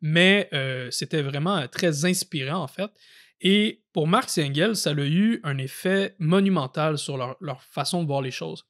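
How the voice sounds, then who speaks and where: A man with a Québécois French accent, co-hosting a casual podcast and explaining political history, often pausing on fillers and restarts as he thinks aloud. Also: a little high, a bit bright. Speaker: podcast co-host. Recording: audio-only podcast.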